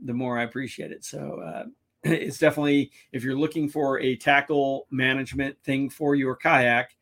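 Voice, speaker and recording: A man hosts a casual live stream, talking in a loose, rambling way. He stops and restarts his sentences often. His voice is a bit hoarse, as if he is losing it. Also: mid-range voice. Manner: rambling, halting, with many restarts. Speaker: kayak fishing show host.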